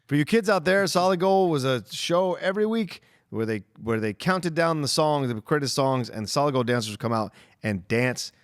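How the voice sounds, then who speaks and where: A man's voice: fairly high pitch, expressive, normal speed, hardly any pauses, no room sound, studio quality. A male podcast co-host chatting casually about a film, chiming in and reminiscing. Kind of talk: casual film review chat.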